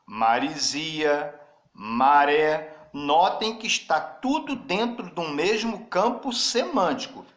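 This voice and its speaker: A male teacher. He gives a slow, deliberate grammar lesson, spells out letters and speaks straight to his students. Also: on the high side, a bit bright. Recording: roomy echo.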